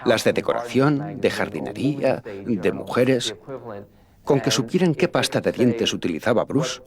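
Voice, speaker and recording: A man's voice: medium pitch, animated, unhurried. A man being interviewed, telling a personal anecdote in a storytelling manner. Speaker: interviewee recounting a memory. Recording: crowd noise in the background.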